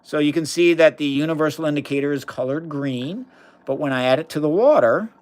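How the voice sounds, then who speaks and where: A man with a somewhat high voice hosts a casual live science stream. He explains chemistry in an enthusiastic, chatty way. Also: a little fast. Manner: chatty, enthusiastic, reads chat aloud. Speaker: science livestream host.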